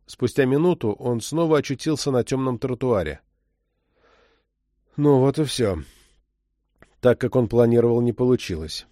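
Steady male audiobook narrator. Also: medium pitch, normal speed, long pauses, dry recording, clean studio sound. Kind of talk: scripted narration.

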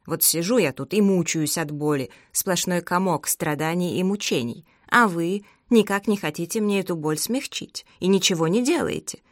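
A woman voicing a grumpy, bossy old invalid man who complains and gives orders, in a low, dry voice. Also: moderate pace, few pauses, dry recording, close to an everyday voice. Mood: grumbling. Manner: gruff, demanding, complaining.

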